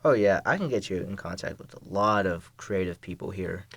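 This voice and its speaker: Laid-back low-voiced young man. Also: animated, a little fast, a bit bright, husky, no room sound. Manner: easygoing, laughs often. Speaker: podcast guest, college student. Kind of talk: casual podcast chat.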